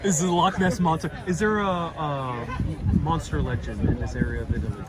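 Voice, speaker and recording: A man's voice: on the high side, fairly even intonation, moderate pace. A chatty man hosting a casual live stream outdoors, putting questions to a guest. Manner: chatty, reads out viewer questions. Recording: loud music, traffic and street noise.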